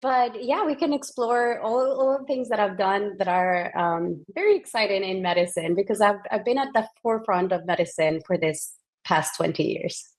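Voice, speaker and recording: Guest, woman, 40s, from Ecuador, chatty and lively, often restarts mid-sentence. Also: mid-range voice, moderate pace. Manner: restarts often, animated and enthusiastic. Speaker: guest, physician scientist. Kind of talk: casual interview conversation.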